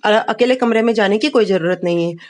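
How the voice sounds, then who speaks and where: A woman's voice: medium pitch, brisk, darkish tone, lightly acted. A woman reading the lines of a firm, direct, educated young daughter-in-law in a TV serial retelling.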